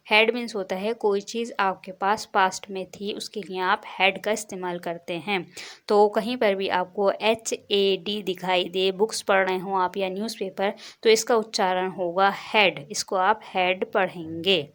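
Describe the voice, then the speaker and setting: A woman of ordinary pitch talks beginners through English words one at a time. She spells each word letter by letter, slowly and deliberately. She repeats every word several times so the learners can follow. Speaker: English reading teacher. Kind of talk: step-by-step spoken lesson.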